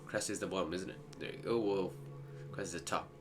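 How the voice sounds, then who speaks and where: Over game music, a man with a low-pitched, steady voice comments on his visual novel playthrough at a slightly fast clip. He's a gaming content creator, chatty and casual, reacting to the story out loud with questions.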